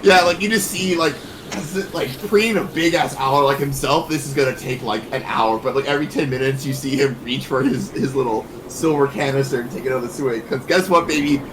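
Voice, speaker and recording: A man's voice: mid-range voice, fairly quick, few pauses, noisy background. A man playing a tabletop game, chatting in a rambling, hesitant way. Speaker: player. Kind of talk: casual chat.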